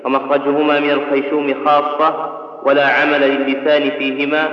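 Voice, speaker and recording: Male reader of a classical text, steady chant-like delivery, flat melody, distant mic in a roomy hall. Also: fairly high pitch, brisk. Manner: steady, even chant-like reading. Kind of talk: formal reading of a classical tajweed text. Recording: distant, echoey hall, dull sound.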